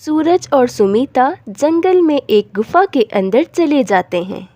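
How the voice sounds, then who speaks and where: A woman narrating a cartoon story in a plain, even storytelling voice. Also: high-pitched, slow pace, a little hiss or hum.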